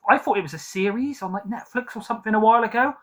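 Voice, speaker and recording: A man's voice: high voice, racing, a bit bright. A man casually ranking films from his collection at home, rambling and hesitant with many ums and self-corrections. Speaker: film collector vlogger. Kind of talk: casual film ranking chat.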